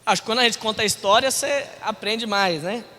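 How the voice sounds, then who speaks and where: A male pastor preaching a sermon, telling stories with acted-out dialogue and rising to shouts. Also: high voice, fast talker. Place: church hall. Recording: reverberant church hall.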